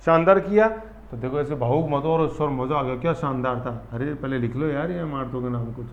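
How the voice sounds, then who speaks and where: A man teaching an exam-prep class, lively and full of memory tricks, often checking that students follow. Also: mid-range voice, brisk. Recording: roomy, dull lo-fi classroom sound.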